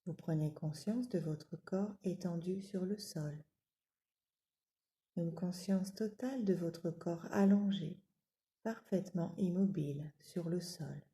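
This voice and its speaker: Gentle instructions for yoga nidra come from a woman with a lowish voice. She keeps a calm, unhurried rhythm and leaves long gaps between her words.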